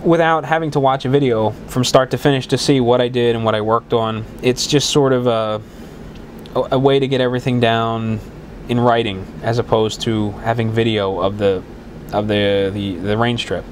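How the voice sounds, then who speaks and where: A man stuffed up with a cold hosts a casual solo podcast, wandering through his thoughts with frequent restarts and filler words. His mid-range voice is slightly worn, fairly even in intonation, at normal speed, with slight background noise.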